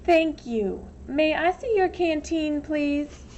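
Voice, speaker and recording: A woman reading a storybook voices a tall female camp warden, cold and commanding, with slow, menacingly polite speech. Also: high voice, animated, darkish tone, highs cut off, a little hiss or hum, voice pushed up. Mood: coolly polite.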